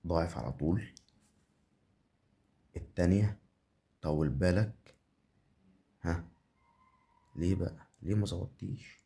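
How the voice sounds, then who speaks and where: A young man with an Egyptian Arabic accent giving hyped commentary on his own betting game, repeating phrases and breaking into excited bursts. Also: deep voice, measured pace, vocal fry, long pauses. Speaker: betting channel host. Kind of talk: gambling live commentary.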